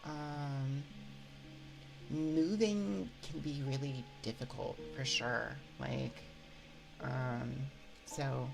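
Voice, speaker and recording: A woman with an extremely low, gravelly voice draws out her words with fairly even intonation while chatting hesitantly and giggly on her livestream. She talks into a binaural 3Dio ASMR mic as music plays, and the audio is poor.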